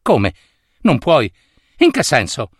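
A man's voice: medium pitch, wildly swooping pitch, slow, breathy edge, no echo, clean studio sound, exaggerated voice. A man voicing a lovesick young male spinning top in a storybook who stammers and fumbles his words. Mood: startled.

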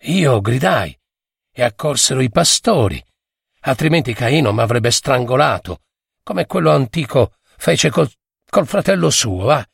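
A man's voice: medium pitch, expressive, measured pace, creaky, husky, dry recording, clean studio sound, exaggerated voice. A man playing a boastful bearded rancher of about fifty who tells his story emphatically. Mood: heated.

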